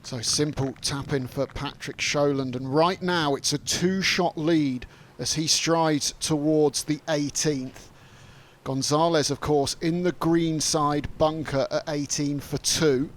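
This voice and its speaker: A man's voice: fairly high pitch, steady tone, slow. A man working as a golf commentator, giving live play-by-play of the shots and scores.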